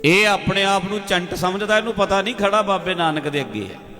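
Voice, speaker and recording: A male preacher giving an animated sermon that tells a story, repeating points for emphasis. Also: high voice, a little fast. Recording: echoey hall with faint music.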